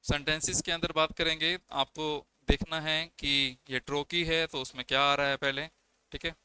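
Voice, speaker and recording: A man's voice: fairly high pitch, flat delivery, normal speed, bright, forceful tone, clean tone, no room sound, low-quality recording. A young man teaching an exam-prep class on poetry, explaining step by step and counting syllables aloud, with as his on terms. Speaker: English lecturer. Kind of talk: exam coaching lecture.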